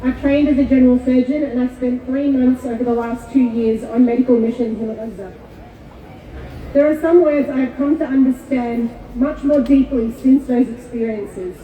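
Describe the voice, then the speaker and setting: A woman born in Kuwait giving a measured, solemn prepared speech to an outdoor rally. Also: on the high side, warm tone. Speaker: rally speaker. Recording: echoey far-off PA with tinny sound.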